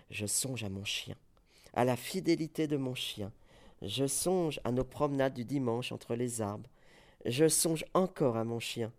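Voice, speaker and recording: Slow theatrical man reciting poetry. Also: mid-range voice. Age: 40s. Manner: theatrical, swinging between hushed murmurs and sudden cries.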